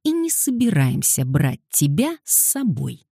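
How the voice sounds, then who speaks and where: A woman's voice: low-pitched, huge pitch swings, a little slow, gravelly, warm tone, slightly rough, no echo, clean studio sound, heavily acted. Brief: storybook figure, irritated older brother, read by a woman, snappy and sarcastic. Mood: grumbling. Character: grumpy schoolboy, annoyed older brother.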